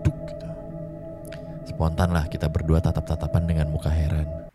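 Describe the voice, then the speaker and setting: A man hosting a podcast, reading out a listener's ghost story in a slangy, conversational way and slowing down for suspense. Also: rumbling low. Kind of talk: casual horror storytelling. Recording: clear music bed behind. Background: music.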